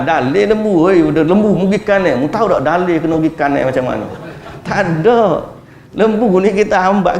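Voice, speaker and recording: A man's voice: high-pitched, a little mellow. A man with a Malaysian Malay accent, a religious teacher giving a conversational Quran lecture with teasing asides and acted-out quotes. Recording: echoey room, faint ambient noise.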